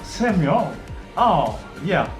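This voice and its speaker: A man's voice: fairly high pitch, sing-song, drawn-out words, reverberant, music in the background, heavily acted. A man doing a boastful man. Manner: hesitant, boastful. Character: proud young Québécois man.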